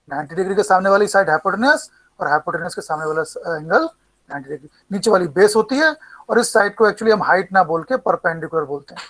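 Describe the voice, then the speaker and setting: A male math teacher runs a class in a mix of Hindi and English, calling on students by name and slowly repeating each formula so they can memorize it. His voice is high and a bit bright, and the recording is rough.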